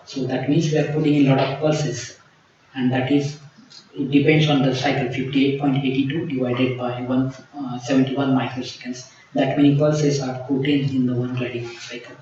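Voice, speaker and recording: A man's voice: mid-range voice, flat delivery, moderate pace, a little mellow. A man answering questions as a PhD candidate at a thesis defense, explaining things in a hedging manner. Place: large echoey room. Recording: echoey hall, distant mic, dull, faint noise.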